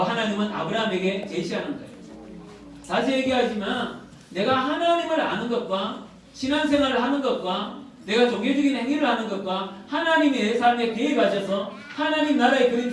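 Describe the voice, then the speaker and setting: A man in his fifties preaching a church sermon, earnest, often putting rhetorical questions to the congregation. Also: very high-pitched. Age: 50s. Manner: filler "어때" often. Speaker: pastor. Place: church sanctuary. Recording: very echoey, from a distance.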